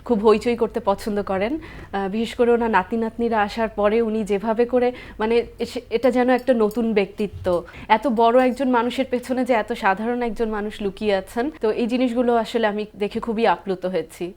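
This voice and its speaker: A woman's voice: on the high side, fairly even intonation, brisk, a little mellow. A woman, newest in the family, giving an earnest recorded tribute while searching for words. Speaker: daughter-in-law of the guest.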